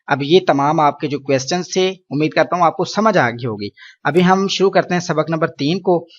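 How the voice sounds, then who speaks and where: A man from Pakistan teaching Quran reading in an online lesson, explaining patiently with English words mixed in and drawing syllables out slowly for students to repeat. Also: a little high, highs cut off. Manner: slow drawn-out syllables for repetition.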